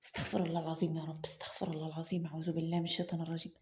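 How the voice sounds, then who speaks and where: A woman's voice: a little high, lively intonation, fast talker, dark tone, reverberant, close to an everyday voice. A woman with an Egyptian accent voicing a proud, bossy young male businessman who scolds himself under his breath. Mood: self-scolding. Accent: Egyptian Arabic. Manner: self-scolding muttering, sudden mutters under breath.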